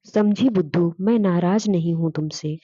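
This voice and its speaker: A woman's voice: lowish voice, normal speed, warm tone, breathy edge, no room sound, muffled recording. A woman voicing a kind, widowed elderly father-in-law who speaks affectionately and reassuringly to his daughter-in-law in a storybook reading.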